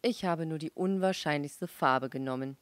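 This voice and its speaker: A woman's voice: low voice, normal speed, a bit bright, no echo. A woman voicing an irritable, dismissive Martian husband who answers curtly and scoffs at his wife. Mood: scoffing. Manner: curt, scoffing.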